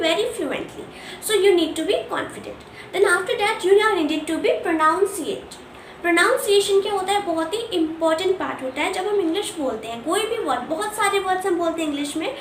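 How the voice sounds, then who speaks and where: A young woman with an Indian accent teaching a spoken English lesson, mixing Hindi and English and repeating words slowly to model pronunciation. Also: very high voice, a little hiss or hum. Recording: echoey room, voice from a distance.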